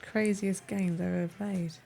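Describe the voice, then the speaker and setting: A woman's voice: mid-range voice, fairly even intonation, unhurried, vocal fry, mellow, a little hiss or hum. A woman chatting casually with friends as she streams a game.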